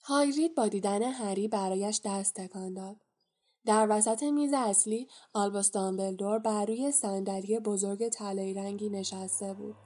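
A woman reading a storybook aloud as an audiobook narrator, calm and measured. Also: mid-range voice.

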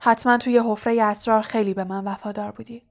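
A woman reading the lines of a wise, kindly old male headmaster in a storybook audiobook, in a calm, soft-spoken way. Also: mid-range voice, close to an everyday voice. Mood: gentle, kindly.

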